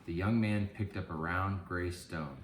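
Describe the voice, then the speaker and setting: A man's voice: low voice, measured pace. A man reading a children's storybook aloud as a guest reader. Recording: roomy, faint background noise.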